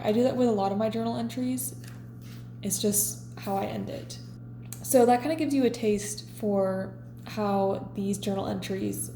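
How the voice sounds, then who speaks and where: A woman in her twenties, chatting casually as a vlogger and reading her own diary entries aloud in a relaxed, confessional way. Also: medium pitch, reverberant, a little hiss or hum. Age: 20s. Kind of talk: casual chat.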